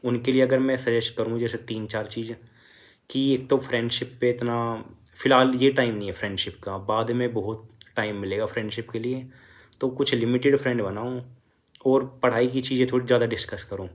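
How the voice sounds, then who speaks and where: A young man speaks in a relaxed, conversational way, often pausing on fillers. He retells his exam journey and gives direct study advice to younger students at an ordinary middle pitch. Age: young adult. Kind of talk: casual motivational talk.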